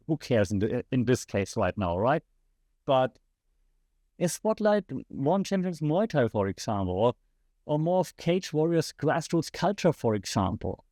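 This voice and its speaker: A mellow mid-range voice, recorded with no room sound, belongs to a German-accented podcast host. He gives heated solo commentary, asks his listeners rhetorical questions, and sounds a little hoarse.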